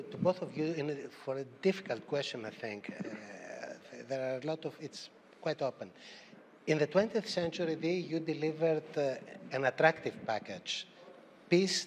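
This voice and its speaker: A man's voice: on the high side, expressive, moderate pace, slight background noise. A man moderating a panel discussion, asking long questions that wander before they land. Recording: reverberant hall with faint ambience.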